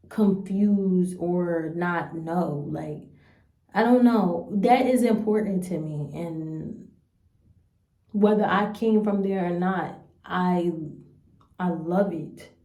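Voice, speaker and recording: A young woman from the United States speaks slowly and earnestly, thinking aloud in a casual vlog. Her voice is mellow and warm, and the room around her gives it a noticeable echo. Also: fairly low pitch. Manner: earnest, rambling and hesitant. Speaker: vlogger. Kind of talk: casual reflective commentary to camera. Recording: roomy echo.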